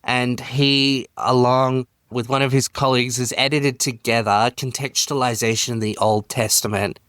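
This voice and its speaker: A man's voice: mid-range voice, fairly even intonation, normal speed, fairly bright tone, clear, resonant tone, no echo. Aussie guy hosting a podcast, friendly and upbeat, dry close sound. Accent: Australian. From Queensland, Australia. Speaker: podcast host. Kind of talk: casual podcast chat.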